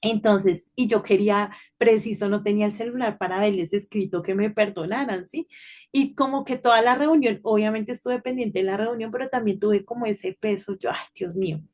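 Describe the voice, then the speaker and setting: A woman's voice: medium pitch, normal speed, darkish tone. Middle-aged woman, children's devotional, chatty storytelling, frequent tag questions. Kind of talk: informal devotional talk to children.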